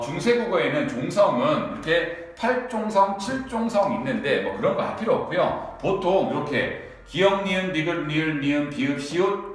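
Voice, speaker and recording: A man teaching a lecture to students, who keeps asking them quick rhetorical questions. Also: medium pitch. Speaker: Korean language teacher. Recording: very echoey room.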